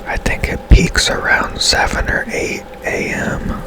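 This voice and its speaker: A gaming ASMR host speaks in a breathy, unvoiced whisper. He offers casual, unhurried commentary while playing a game.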